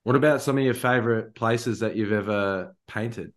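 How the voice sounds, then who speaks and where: A man with a low voice acts as interviewer. He puts his questions casually, in loose conversational phrasing. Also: moderate pace.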